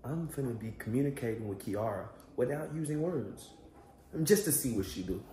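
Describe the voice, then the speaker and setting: A man's voice: mid-range voice, animated, normal speed, dark tone, a little hiss or hum. Laid-back young man, slangy vlog chat. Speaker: vlogger. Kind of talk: casual vlog talk. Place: at home indoors. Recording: echoey room.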